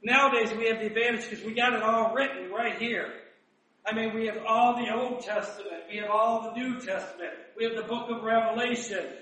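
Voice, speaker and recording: A man giving a chatty Bible teaching, asking rhetorical questions and reading verses slowly. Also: very high voice, fairly even intonation, bright, forceful tone. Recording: roomy echo, distant mic.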